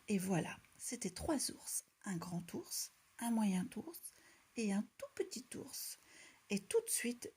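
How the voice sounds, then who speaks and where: A woman reading a children's story aloud in a soft, hushed, half-whispered voice. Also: medium pitch, slightly rough.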